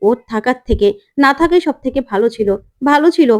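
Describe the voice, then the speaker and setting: A woman's voice: sits high, expressive, fairly quick, a little mellow. A woman voicing an older mother who scolds her cruel son and blames herself. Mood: lamenting. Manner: scolding, then lamenting. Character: older mother, stern and guilt-stricken.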